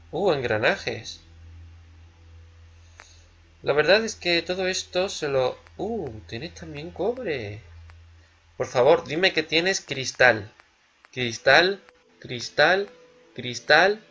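A man's voice: medium pitch, a bit bright, slightly rough, dull audio. A man giving casual, playful let's play commentary, musing aloud and repeating words. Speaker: gamer, let's play host.

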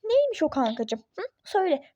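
A meddling, superstitious girlfriend in a phone-game role-play story, as a woman voices her. She nags insistently in a high, mellow voice. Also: sing-song, fairly quick, no echo. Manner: insistent, nagging, conspiratorial. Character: pushy superstitious young woman friend, meddling.

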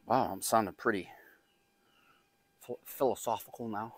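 A man's voice: on the low side, normal speed, husky, dry recording. A man filming a casual gardening vlog outdoors in the woods and garden, chatty and rambling, poking fun at himself. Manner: chatty, rambling, self-deprecating. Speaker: gardening vlogger.

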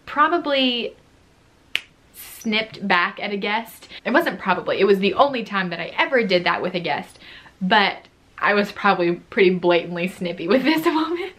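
A woman's voice: mid-range voice, expressive, normal speed, a bit bright. Young woman, casual vlog storytelling, chatty, lots of "like", laughs often. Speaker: vlogger, former theme park food worker.

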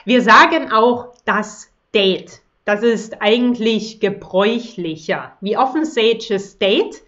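A woman gives a language lesson at a very slow, deliberate pace, saying each word with care before she translates it. Her voice sits a little high, and the recording sounds slightly dull. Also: lively intonation, a bit bright. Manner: slow, careful pronunciation, switching to English translations. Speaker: German teacher. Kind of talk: language lesson, repeating words slowly.

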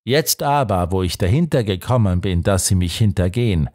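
A man reading the part of a menacing nobleman officer in an audiobook, his threats dark and rumbling. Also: expressive, normal speed. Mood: threatening.

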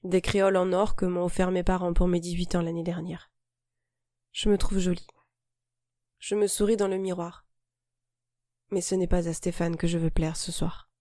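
Brief: female audiobook narrator, calm and measured first-person reading, mellow tone, dry close sound. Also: on the low side, no echo.

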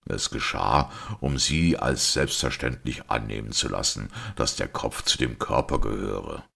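A man voicing a kindly, calm male priest who speaks quietly and unhurriedly. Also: extremely low pitch, measured pace, vocal fry, husky, pitched below the performer's own voice, full character voice.

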